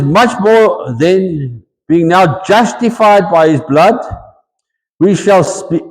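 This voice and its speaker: A man with a South African accent preaching a sermon as pastor, mixing English and Afrikaans in an animated, conversational way. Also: sits high, in a large hall, rough recording. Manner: switches between English and Afrikaans mid-sentence, animated. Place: church.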